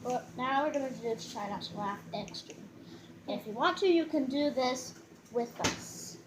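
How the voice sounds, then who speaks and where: A woman's voice: high-pitched, animated, a little slow. A woman hosting a challenge video, chatting casually to her viewers. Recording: noisy home-style recording.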